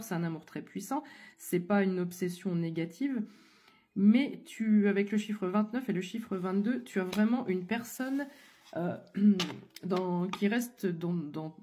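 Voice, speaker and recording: A woman doing a tarot reading, speaking warmly and directly to one listener. Her voice is mellow and a little husky, still not fully recovered from an illness. She hesitates often, restarting phrases and filling pauses as she goes. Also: medium pitch. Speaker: tarot card reader. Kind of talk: casual spoken tarot reading.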